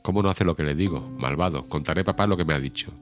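A headstrong thirteen-year-old girl from an old novel, spoiled and imperious, as a man with a very deep voice reads her. The lines come quickly and carry a petulant edge. Music plays under the audiobook reading. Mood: indignant.

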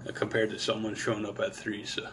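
A man's voice: fairly low pitch, completely flat delivery, quick pace, a bit bright, a little hiss or hum. A man co-hosting an event live stream, explaining merchandise and prizes casually, with plenty of fillers. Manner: announcing details with fillers. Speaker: event co-host.

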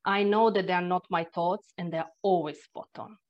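A guest energy therapist from Croatia, speaking English with an accent as a non-native speaker, relates personal stories conversationally. Her voice is fairly low with fairly even intonation at normal speed. She's reflective and earnest, often sighing or starting over, and the sound quality is dull and lo-fi.

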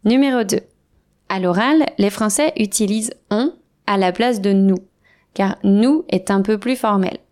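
A French teacher, a woman, giving a scripted lesson with clear, deliberate explanations and spoken examples. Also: medium pitch, a little mellow.

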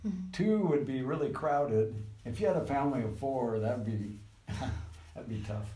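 A man with a mid-range voice, speaking a little slowly, shows people around a small earth house, explaining things in a relaxed, practical, hands-on way as a community member on a casual walking tour. The field recording is poor: distant, echoey and noisy.

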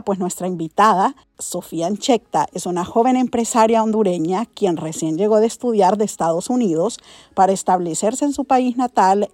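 A woman's voice: mid-range voice, warm tone. A woman hosting a podcast, reading a scripted intro and asking questions in a polite, formal manner. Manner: formal, polite, uses usted. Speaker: podcast host.

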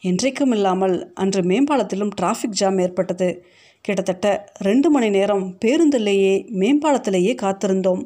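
A woman's voice: mid-range voice, normal speed. Woman reading a short story. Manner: steady, reflective reading. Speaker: story reader. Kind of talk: scripted narration.

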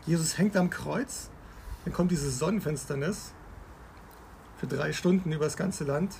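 A man's voice: on the high side, measured pace, creaky, darkish tone, slight background noise. A man hosting a podcast, explaining Bible passages step by step in a conversational way and asking his listener questions. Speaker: podcast host.

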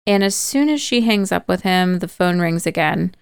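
A woman's voice: lowish voice, expressive, moderate pace, gravelly, clear, resonant tone, no echo. A woman podcast host casually retelling a movie plot, chatty and full of "like" and "kinda".

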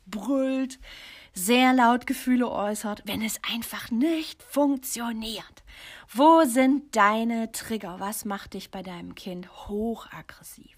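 A middle-aged woman hosting a podcast for mothers, telling a painful personal story to the listener in an intimate, confessional way that often drops to a near whisper. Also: on the high side. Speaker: podcast host and coach for mothers.

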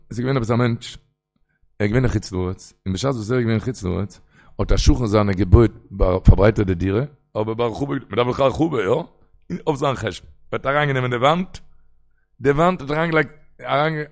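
Gravelly-voiced rabbi preaching in Yiddish. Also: male voice, mid-range voice. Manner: rambling, storytelling, quoting sources in a singsong. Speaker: rabbi giving a Torah talk. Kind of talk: Yiddish sermon on the weekly portion.

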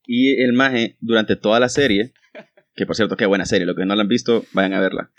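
A young man, co-hosting a casual chat and telling animated stories full of crude slang. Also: lowish voice, fairly quick, highs cut off.

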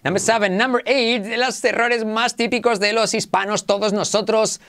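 A man with a Spain Spanish accent leads a lively pronunciation lesson. His voice sits a little high for a man, and he drills each sound over and over with exaggerated repetition. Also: normal speed. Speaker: English pronunciation teacher.

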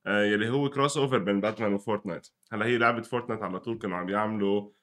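Speaking very quickly in a voice that sits a little low but has a fairly bright tone, a young gaming commentator and guest with a Lebanese Levantine accent talks about games conversationally. He sprinkles English gamer terms into his Arabic.

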